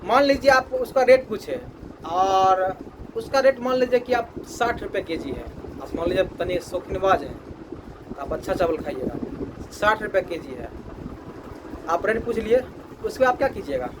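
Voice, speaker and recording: A man's voice: high-pitched, lively intonation, moderate pace, background noise. A man teaching a maths class, repeating his questions to the students and drilling the answers.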